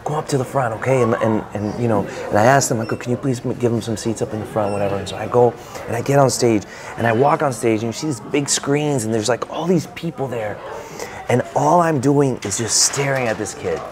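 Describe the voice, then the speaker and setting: A man, an author guest in an interview, telling a personal story in an animated way and acting out his own reactions, with many fillers. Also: mid-range voice, brisk, background noise. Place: bookstore event space.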